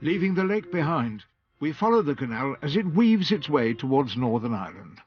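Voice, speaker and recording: A man's voice: on the high side, sing-song, moderate pace, highs cut off. An older man reading scripted travel narration. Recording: music behind the voice.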